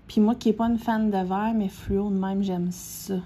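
A woman with a Québécois French accent gushes excitedly while unboxing crafting pens, breaking into gasps and squeals. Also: medium pitch, normal speed, slight background noise. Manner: gushing, with gasps, squeals and repeated exclamations. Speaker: diamond painting vlogger.

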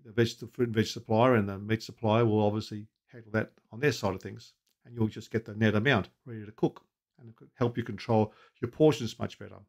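Older guy in his 60s, talking restaurant tips into a webcam at home, practical and chatty. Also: mid-range voice. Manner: practical, anecdotal, asks viewers questions. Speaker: restaurant consultant. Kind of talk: advice video to camera. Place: home office with bookshelves, indoors. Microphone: webcam at desk.

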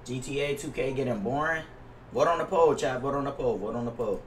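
A young adult American streamer talks fairly quickly in a mid-range voice. Casual and slangy, he swears and often repeats himself while chatting to his viewers. His gaming headset mic, in an indoor room at his setup, sounds distant and roomy, with background noise.

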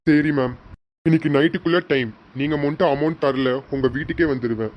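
A man's voice: fairly high pitch, brisk, muffled recording, natural voice. An actor playing a greedy blackmailer in a TV serial, pushy and insistent as he threatens. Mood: threatening. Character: greedy male blackmailer demanding payment. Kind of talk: Tamil TV serial acting.

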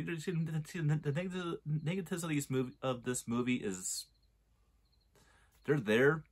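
A man in his forties gives a casual, rambling film review, often restarting sentences as he argues a point. His voice is medium-pitched with a breathy edge.

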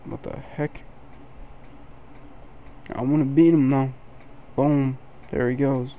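Male gaming host, slow, gravelly, sleepy late-night commentary kept quiet. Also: mid-range voice, flat delivery, highs cut off. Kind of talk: gameplay commentary.

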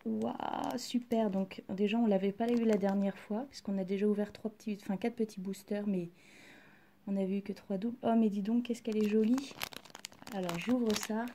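A woman talks through an unboxing at home in a relaxed, mellow voice. She gushes excitedly and keeps sliding into a soft whisper. A faint noise floor sits under the recording. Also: mid-range voice. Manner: gushing and excited, often dropping to a soft whisper. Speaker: vlogger unboxing collectible figurines. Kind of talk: casual unboxing chat.

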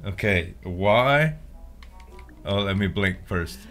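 A young man comments casually on a game he is playing. His speech is exclamatory and sweary, with lively pitch swings at an unhurried pace over faint music. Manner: exclamatory, swearing, laughs readily. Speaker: let's play gamer.

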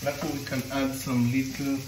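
A man with a Kenyan accent giving a relaxed, chatty home cooking tutorial, switching between Swahili and English. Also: mid-range voice, fairly quick, heavy background noise. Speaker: home cook vlogger. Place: home kitchen. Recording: echoey kitchen with loud frying sizzle.

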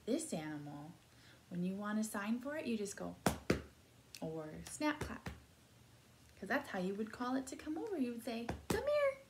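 A woman reading a picture book aloud to young children, animated, gasping often and dropping into whispered asides. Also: medium pitch, very noisy. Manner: animated, gasps a lot, drops to whispered asides; drawn-out slow questions to the listener. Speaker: story time reader for young children.

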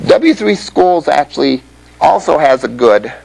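A man's voice: a little high, sing-song, a little slow, vocal fry, a little mellow, husky, low-quality recording. A man teaching a web development class in a classroom, explaining things conversationally and often checking in with the students. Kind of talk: classroom lecture.

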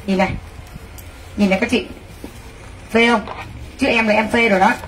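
Her voice is a little high and moderately paced, picked up from a distance on a low-quality recording with faint background noise. She's a woman selling clothes live, talking directly to viewers in an excitable, exclamation-filled pitch.

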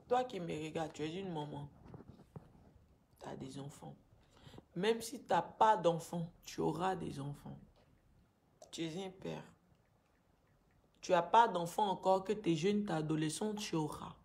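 A woman in her thirties with an Ivorian accent in her French, giving a halting, distressed and grieving personal testimony to camera. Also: on the low side, gravelly, a little mellow, a little hiss or hum. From Ivory Coast. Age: 30s. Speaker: vlogger making a personal appeal. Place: small indoor room at home. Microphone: phone at arm's length.

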